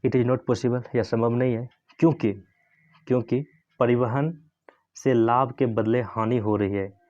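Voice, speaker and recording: Guy teaching english, slow and repetitive, checks in a lot, kinda muffled lo-fi audio. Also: mid-range voice, darkish tone. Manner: slow, repetitive explaining with frequent tag questions. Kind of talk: Hindi-language English lesson.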